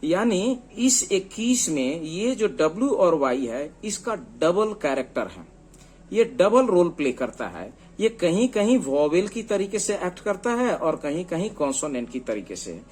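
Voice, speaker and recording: A man teaching a beginner English lesson, slowly spelling out letters one at a time. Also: high voice, sing-song, a little mellow, slightly rough. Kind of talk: screen-based lesson explaining letters.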